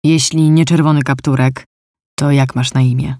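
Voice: mid-range voice, level tone, moderate pace, warm tone, dry recording, clean studio sound, close to an everyday voice. A storyteller voicing a grown man, a guarded stranger who speaks bluntly and ironically. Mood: gruff.

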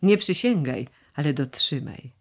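A man's voice: on the high side, animated, a little slow. A man voicing an earnest, dutiful young man in a storybook reading, serious and restrained.

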